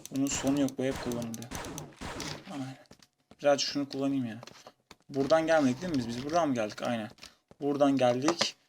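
A man's voice: mid-range voice, fast, pauses often. Chatty male gamer over game gunfire. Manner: chatty, taunts enemies, bursts into excited shouts. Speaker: gamer playing through a retro shooter. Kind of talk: casual let's-play commentary. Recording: noisy, game gunfire behind. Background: video game gunfire and keyboard clicks.

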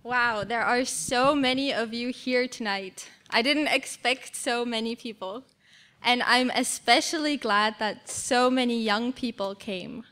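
Young woman in her 20s, slow and smooth, relaxed guest talk in church hall, stand mic. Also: a little high. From Switzerland, raised in Singapore. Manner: friendly, relaxed, laughs easily. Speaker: guest speaker. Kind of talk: church talk about mission work.

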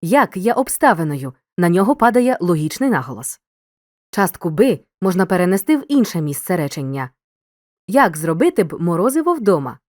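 A woman narrating a scripted grammar lesson as a teacher, giving clear instructions and speaking straight to the learner. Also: fairly low pitch, big pitch swings, moderate pace, no echo, studio quality. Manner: clear didactic instruction, addresses the learner directly.

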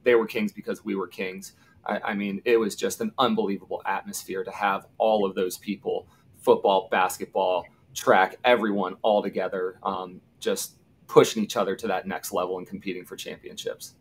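A man's voice: deep voice, level tone, normal speed, slightly rough. A man in his thirties, a former college football punter, telling easygoing anecdotes in a casual interview. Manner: easygoing, anecdotal, acts out quoted shouts.

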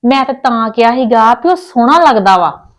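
A woman's voice: on the high side, lively intonation, moderate pace, close to an everyday voice. An actress playing a practical, stubborn middle-aged mother who insists and scolds in colloquial speech, with a Punjabi accent. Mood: insistent. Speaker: mother arranging her daughter's wedding.

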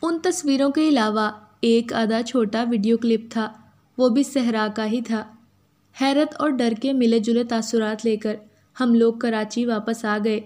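A woman with an Urdu accent reading a first-person story as a steady, even narrator. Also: fairly high pitch, measured pace.

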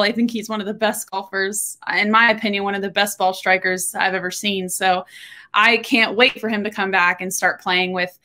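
A young Texan woman talks straight into her webcam from a room at home, casual and solo. Her mid-range voice is bright and forward, and she speaks candidly with quick joking asides, like a golf podcast co-host going over the week's news.

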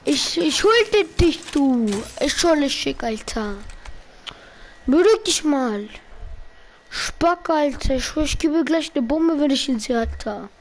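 A woman streaming gameplay, talking in heavy street slang and swearing at teammates in excited bursts. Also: sits high, a little slow, rough recording. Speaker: gaming streamer. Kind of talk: live gameplay commentary.

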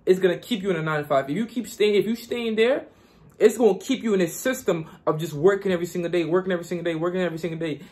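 A man's voice: high-pitched, racing, darkish tone. A young man from Guyana vlogging casually and giving hyped, repetitive motivational advice.

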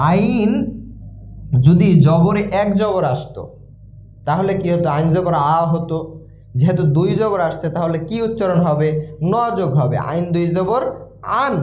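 Man, Quran reading teacher, high voice, patient syllable drills, roomy dull recording. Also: dark tone. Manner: patient, repeats syllables slowly, asks and answers himself. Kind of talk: recitation lesson, spelling out letters.

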